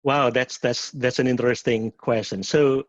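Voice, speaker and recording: Over muffled, echoey webinar audio, a middle-aged professor and program director from Indonesia responds to questions. His husky voice, medium in pitch with fairly even intonation, carries an Indonesian accent, and he halts often, repeating words and starting over.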